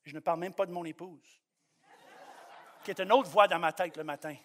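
Middle-aged pastor guy preaching, super high voice, loud then hushed jokey bits. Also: steady tone, a little fast. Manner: emphatic preaching, swings from loud declarations to quiet asides. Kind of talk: sermon.

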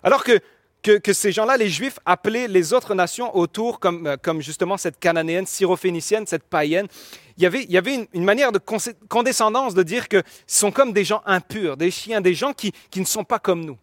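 A man's voice: sits high, a little fast, dry recording, clean studio sound. A man preaching a sermon, explaining earnestly and often restarting his phrases.

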